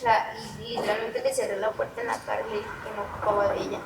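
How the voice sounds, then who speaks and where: A woman with a Mexican accent telling her recovery testimony as a podcast guest, animated and laughing at her memories. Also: mid-range voice, fast talker, creaky. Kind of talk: personal testimony in a podcast interview. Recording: echoey room, mic at a distance, background noise.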